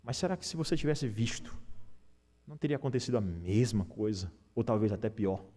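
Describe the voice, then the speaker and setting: A man's voice: lowish voice, fairly quick, mellow. A man with a Brazilian Portuguese accent, preaching an Easter sermon as pastor and asking the congregation rhetorical questions.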